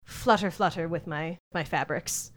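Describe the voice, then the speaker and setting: A woman's voice: on the low side, unhurried. A woman player in a tabletop game podcast, casually role-playing a haughty lady of the manor. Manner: lively, bossy lady-of-the-manor banter. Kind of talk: casual in-character role-play chat.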